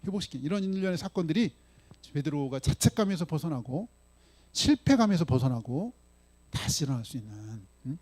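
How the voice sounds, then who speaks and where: A man's voice: on the high side, very animated, brisk, darkish tone. A male pastor preaching a sermon in a casual, conversational way, often checking in with the congregation. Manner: voices his own lines for Jesus in dialogue.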